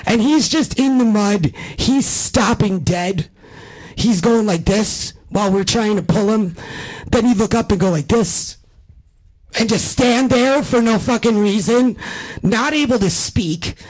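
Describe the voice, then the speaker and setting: A man doing stand-up at a house comedy show, telling a rambling, profane story in an animated way. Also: sits high, unhurried, poor audio. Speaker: stand-up comic.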